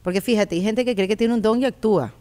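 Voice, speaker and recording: A woman's voice: medium pitch, quick pace, darkish tone. A woman chatting as a podcast guest, bantering and laughing easily. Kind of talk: casual chat.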